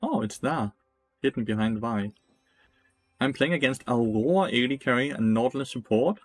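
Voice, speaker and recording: Faint music plays behind a young man streaming a game, speaking at normal speed in a medium-pitched voice. He laughs, answers his chat, and offers blunt, profane, casual commentary on the gameplay.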